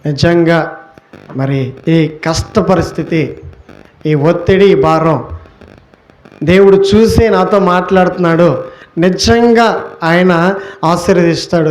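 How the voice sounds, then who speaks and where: Male pastor, fairly high voice, sermon delivery; poses questions then answers, stretches key words slowly. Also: steady tone, darkish tone. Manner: rhetorical questions answered by himself.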